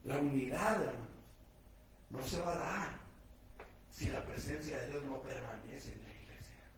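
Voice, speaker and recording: A man preaching a sermon as pastor. He swings between loud shouting and hushed, low speech, and mixes in everyday jokes and direct questions to the congregation. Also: lively intonation, normal speed. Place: church sanctuary. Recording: echoey church room, distant mic, faint noise.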